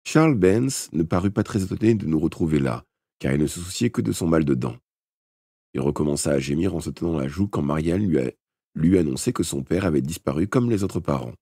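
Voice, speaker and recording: A man's voice: extremely low pitch, expressive, fairly quick, warm tone, breathy edge, dry recording, studio quality. A man narrating a children's audiobook, reading it aloud with expression. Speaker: audiobook reader. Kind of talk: storybook narration from a live stream.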